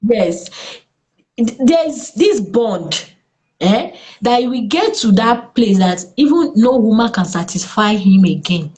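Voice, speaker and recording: A Nigerian woman speaking as a therapist in an interview, earnest and lively, with exclamations in her stories. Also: fairly high pitch, slow. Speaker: therapist guest. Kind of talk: interview conversation.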